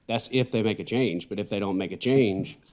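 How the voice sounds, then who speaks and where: A man's voice: lowish voice, a little fast, darkish tone. A man on a county council raising a question about procedure, hesitant and a little puzzled. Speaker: council member.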